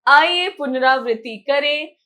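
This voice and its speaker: Slow, high-voiced woman teaching children. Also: sharp tone. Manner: slow, explaining step by step to children. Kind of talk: grammar lesson for children.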